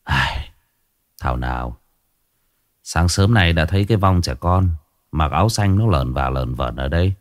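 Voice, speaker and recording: A man's voice: very deep voice, expressive, moderate pace, pauses often, dry recording, clean studio sound, voice pushed down. A man voicing a flustered, swaggering young male village shaman. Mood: relieved. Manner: flustered, hesitant.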